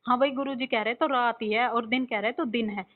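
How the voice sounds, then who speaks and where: A woman's voice: on the high side, steady tone, fairly quick. Insistent woman on a tinny line. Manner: insistent, keeps cutting in with "listen". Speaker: devotee raising doubts. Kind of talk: argumentative religious debate. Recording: tinny phone-like sound.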